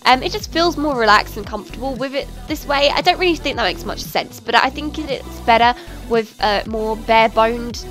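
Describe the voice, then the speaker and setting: A woman's voice: on the high side, moderate pace, fairly bright tone. A woman hosting a casual, chatty video game tutorial, her nose stuffed up with a cold. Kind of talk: casual gaming tutorial commentary. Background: music.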